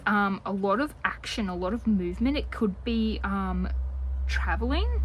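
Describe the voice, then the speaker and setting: A woman giving a casual general tarot reading to her viewers, chatty and rambling, drifting now and then into soft whispers. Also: medium pitch, a little hiss or hum, low-quality recording. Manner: chatty and rambling, talks a lot. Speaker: tarot reader.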